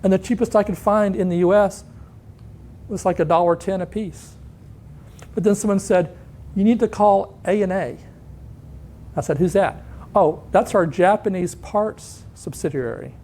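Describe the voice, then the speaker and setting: A man's voice: sits high, normal speed, long pauses, mellow. A man in his sixties giving a conference talk, telling anecdotes and acting out the voices of the people he quotes. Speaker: conference speaker. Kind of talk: storytelling talk. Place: conference hall.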